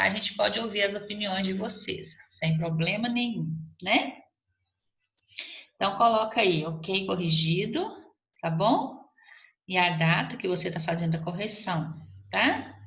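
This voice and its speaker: Slow, patient woman teacher. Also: lowish voice, vocal fry, a bit bright. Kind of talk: recorded remote class lesson. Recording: echoey room, slightly dull lo-fi audio.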